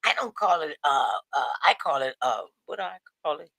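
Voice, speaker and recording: A woman's voice: deep voice, brisk, gravelly, dry recording. A middle-aged woman co-hosting a casual chat, telling stories and acting out quoted voices with many restarts. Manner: storytelling, animated quoting, frequent restarts. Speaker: co-host.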